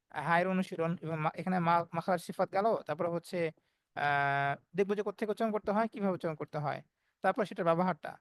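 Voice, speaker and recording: A man's voice: sits high, no room sound. A man teaching Quran recitation in an online class, explaining step by step and voicing the letter sounds as examples.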